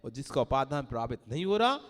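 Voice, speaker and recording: Speaking Hindi at a fast clip, a Jain monk delivers a sermon in a medium-pitched male voice that swings widely in pitch. He tells parables as a storyteller, acting out the voices of the characters in them. A long hall reverb trails his words.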